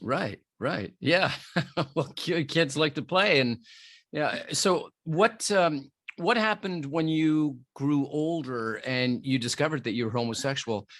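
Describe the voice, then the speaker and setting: A man's voice: a little high, slow, fairly bright tone, dry recording. A man hosting an interview podcast, talking in a friendly, earnest way with many restarts. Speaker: podcast host.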